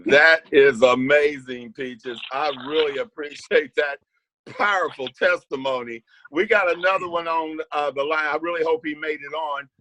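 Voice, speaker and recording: Male host, upbeat, bright tone, light background noise. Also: a little high, fairly even intonation, normal speed, poor audio. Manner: upbeat, encouraging. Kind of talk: hosting a video meeting. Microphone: video call.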